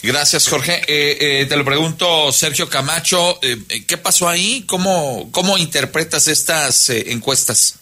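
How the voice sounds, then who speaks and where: A man's voice: fairly high pitch, unhurried, hardly any pauses, pushed and bright. A man with a Mexican accent hosting a radio political panel, chatty, with many fillers and long asides. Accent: Mexican Spanish.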